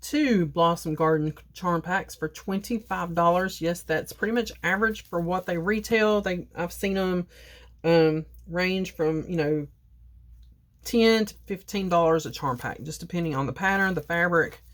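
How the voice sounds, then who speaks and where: A woman's voice: lowish voice, measured pace. A woman vlogger chatting casually through an unboxing, talking to her viewers, repeating herself and sipping coffee as she goes. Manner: sips coffee while talking. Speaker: crafting vlogger.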